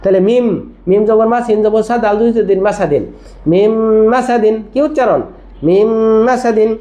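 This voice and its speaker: Mellow teacher spelling out recitation drills. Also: medium pitch, fairly quick. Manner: spells words out letter by letter and drills them; asks frequent check-in questions. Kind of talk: tajweed lesson for teachers.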